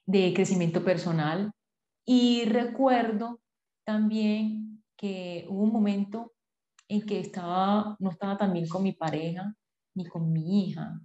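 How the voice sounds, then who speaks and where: A woman, a podcast guest telling her personal story in an animated way, acting out her past self in quotes. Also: mid-range voice. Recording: echoey room, dull lo-fi sound.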